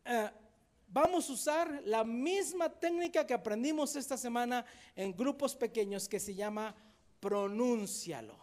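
A man preaching a sermon as pastor, fervent at times and then quietly meditative as he leads the congregation. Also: very high voice, unhurried.

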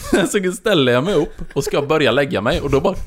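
A man's voice: a little high, heavy background noise. A man hosting a podcast, telling a story in casual chat and acting out what people said. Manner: animated storyteller, acts out dialogue. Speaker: podcast host.

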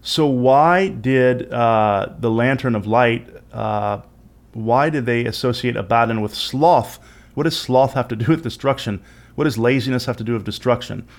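A man with a creaky, gravelly edge to his middling-pitched voice hosts an explanatory lecture. He talks conversationally, musing aloud and turning to the listener with small rhetorical questions. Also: normal speed. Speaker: host and presenter of an educational video series.

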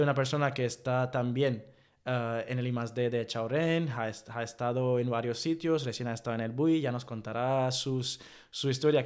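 Casting: mid-pitched man, podcast host, friendly and halting, full of restarts. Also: darkish tone. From Spain. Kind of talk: casual interview.

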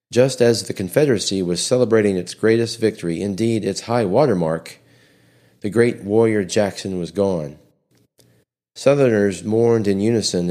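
A man with a fairly low voice narrates history from a script. He reads at an even pace and sometimes restarts a word after a slip. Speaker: history podcast host.

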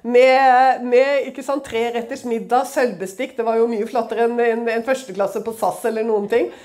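A woman with a fairly high voice gives a personal testimony at church. She tells it as a dramatic, chatty story and keeps turning to her listeners with little fillers. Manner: lively and dramatic, with many conversational fillers. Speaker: church speaker.

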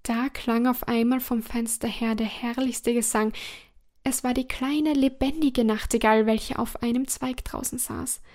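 A woman reading a classic fairy tale aloud in a calm, measured way. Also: on the high side. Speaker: storyteller.

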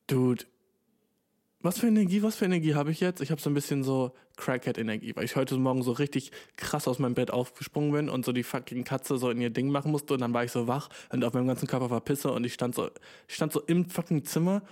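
A young man in his twenties hosts a loose, rambling solo chat. His voice is mellow and warm at a middle pitch, and his talk is profane and slangy. He gets worked up and keeps calling the listener dude. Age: 20s. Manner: excitable, addresses listener as dude.

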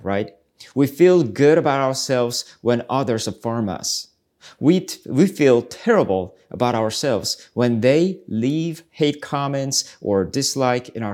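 A man's voice: medium pitch, a little mellow. A man, hosting a ministry podcast in an earnest, reflective devotional talk. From South Korea. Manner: earnest, searching, preacherly. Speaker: podcast host, ministry speaker.

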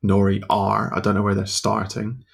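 A man co-hosting a casual podcast chat, blunt and dry, quick to argue a point. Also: fairly low pitch, completely flat delivery, creaky, husky. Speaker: podcast co-host.

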